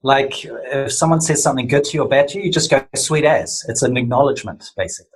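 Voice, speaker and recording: A man with a husky voice, chatting casually as a podcast guest in a jokey, teasing way. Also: mid-range voice, rapid-fire. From New Zealand. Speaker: podcast guest, business owner. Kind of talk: casual chat.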